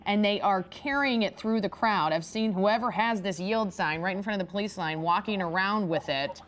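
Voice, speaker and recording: A woman's voice: mid-range voice, normal speed. A woman news anchor giving live commentary and directing viewers to the footage.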